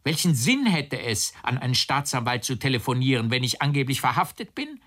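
A man's voice: medium pitch, very animated, normal speed, a bit bright, pitched above the performer's own voice. A man voicing an agitated, indignant arrested man who exclaims in outraged, rising cries.

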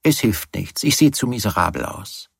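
A woman's voice: rumbling low, sing-song, normal speed, vocal fry, husky, no echo, clean studio sound, exaggerated voice. A man reading the part of a sulky, stubborn young woman who answers curtly. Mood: resigned. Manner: curt, contrary.

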